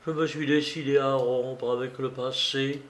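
A man's voice: medium pitch, fairly even intonation, moderate pace, lightly acted. A man voicing a desperate, tearful estranged wife who pleads theatrically in an audiobook reading. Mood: pleading. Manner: pleading, theatrical, sobbing outbursts. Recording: roomy echo.

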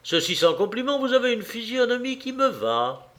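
A man reading aloud and voicing a bold, cheerful young Parisian journalist who talks in a smooth, jovial and persuasive way. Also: extremely high pitch, sing-song, normal speed, a bit bright, voice pushed up, heavily acted.

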